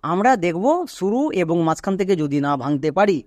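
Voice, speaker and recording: A man's voice: fairly high pitch, a little fast, no echo, clean studio sound. A man with a Bangladeshi accent teaching English pronunciation step by step, patiently repeating rules and asking checking questions. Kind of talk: explaining a lesson step by step.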